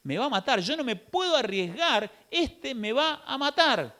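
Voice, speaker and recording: A man with an Argentine accent voicing the young fugitive David, taunting and calling out loudly. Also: very high voice, animated, unhurried, pitched above the performer's own voice, exaggerated voice. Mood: anxious. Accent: Rioplatense Argentine Spanish. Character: young male David, defiant fugitive warrior.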